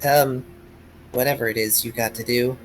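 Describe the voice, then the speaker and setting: A man's voice: medium pitch, fairly even intonation, normal speed, slight background noise, close to an everyday voice, poor audio. A man voicing a polite, modest young bat creature student in a tabletop role-play, hesitant and correcting himself. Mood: shy, modest.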